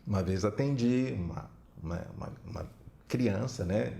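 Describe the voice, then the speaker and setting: A man giving an animated storytelling talk as a counselor, often tagging his lines with "né?". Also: on the low side, moderate pace, creaky. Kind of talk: storytelling talk with religious examples. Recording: roomy echo.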